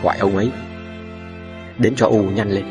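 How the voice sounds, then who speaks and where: A man voicing a dying village mother who speaks in a weak, low, whispery voice, resigned to her fate. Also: fairly even intonation, normal speed, darkish tone, muffled recording, lightly acted. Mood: weak urgent. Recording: distant mic with background music.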